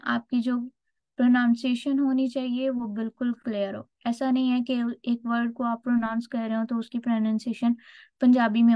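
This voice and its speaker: A woman's voice: a little high, dark tone, no echo. A woman teaching a test-prep lesson, explaining step by step and often checking in with her students. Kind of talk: online lecture. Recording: dull lo-fi dry recording.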